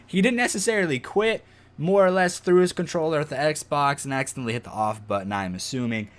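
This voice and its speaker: A man giving casual commentary as he plays a football video game, breaking into excited, loud outbursts at the plays. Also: on the high side, a little fast. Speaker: gaming video host.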